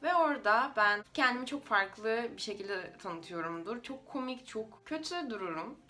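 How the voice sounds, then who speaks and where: A woman's voice: a little high, expressive, moderate pace, bright, forceful tone, faint music behind. A native Russian woman with a Russian accent explains things informally to viewers in a foreigner's slightly unidiomatic Turkish. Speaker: language-learning video creator.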